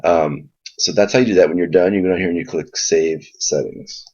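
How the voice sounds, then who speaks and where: In a casual screen walkthrough, a man with a very low, husky voice explains each step of a software tutorial informally. His tone stays steady and his pace fairly quick, while the recording itself sounds dull and lo-fi.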